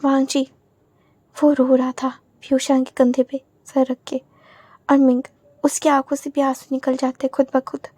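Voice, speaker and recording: High-voiced woman telling a story. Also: completely flat delivery, mellow, dry recording, studio quality. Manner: halting, with restarts. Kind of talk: reading her own fan story.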